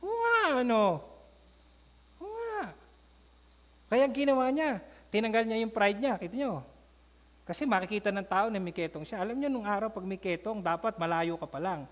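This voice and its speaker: Filipino-accented male pastor, high voice, animated storyteller, long hall echo. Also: a little fast. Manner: storytelling, acting out characters' lines. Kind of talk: Bible class teaching. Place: church hall.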